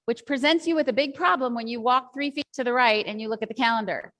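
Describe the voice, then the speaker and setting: A woman's voice: fairly high pitch, fast, fairly bright tone. A woman teacher trainer giving a workshop talk to other teachers, telling a classroom story in a chatty, rambling way with many asides.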